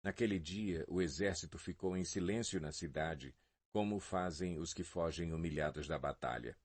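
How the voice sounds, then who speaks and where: Guy narrating bible audio, low husky voice, slow and solemn. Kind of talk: scripted scripture reading.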